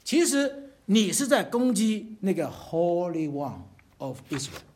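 A preacher delivering a sermon with a voice that climbs and falls all over the place. The delivery is animated and conversational, with small chuckles and frequent rhetorical questions to the congregation. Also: medium pitch, takes it slowly. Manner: chuckles between phrases. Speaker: pastor.

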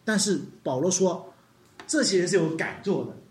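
A male preacher giving an animated sermon who keeps questioning the congregation and acts out stories. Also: sits high, moderate pace. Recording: echoey room.

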